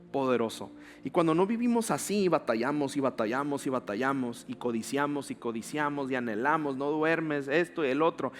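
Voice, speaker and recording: A male pastor, preaching a conversational sermon full of rhetorical questions. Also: a little high.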